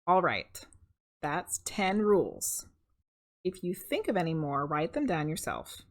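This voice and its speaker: A deep-voiced, slightly husky middle-aged woman reads a children's picture book aloud. Her style is expressive and conversational, with casual asides to her audience.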